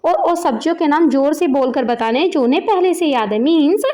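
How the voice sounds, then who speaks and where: A woman's voice: sits high, expressive, dark tone. A woman, patiently explaining a children's textbook lesson as a teacher. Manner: slow, patient word-by-word explaining.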